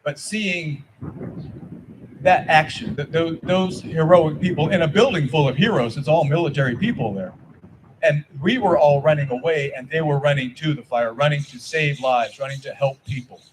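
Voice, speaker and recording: A man gives a personal recollection as a public speech, earnest and halting, with deliberate phrasing. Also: a little high. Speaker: ceremony speaker, eyewitness. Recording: faint background noise.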